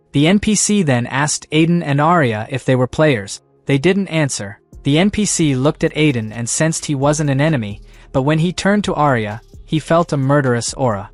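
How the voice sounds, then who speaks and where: Guy doing a steady recap voice-over, dead dry sound, faint music behind. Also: a little high, no echo. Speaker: recap narrator. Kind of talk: scripted narration.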